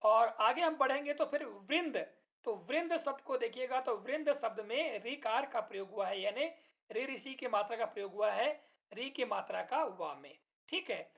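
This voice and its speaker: A man teaching a grammar lesson from slides. He explains step by step, checks in often with the class, and recites poem lines slowly and deliberately. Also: very high-pitched, animated, vocal fry, a bit bright.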